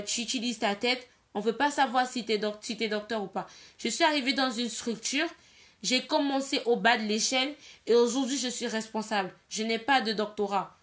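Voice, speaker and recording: A woman's voice: fairly high pitch, fairly bright tone. A young woman from Cameroon talking bluntly and emphatically on a casual live video, often repeating her points. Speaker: livestreamer giving her opinion.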